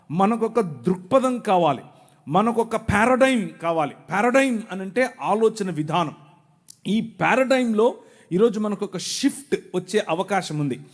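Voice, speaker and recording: A man with a notably high voice delivers a sermon to thousands in a large venue. He moves between playful banter with the crowd and careful, teacherly explanation. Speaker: preacher. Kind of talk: sermon to a live audience.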